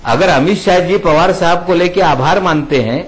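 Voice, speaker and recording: A man's voice: on the high side, moderate pace, poor audio. A man speaking for his party in a televised debate, insistently rebutting the other side. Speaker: party spokesman. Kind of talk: political debate.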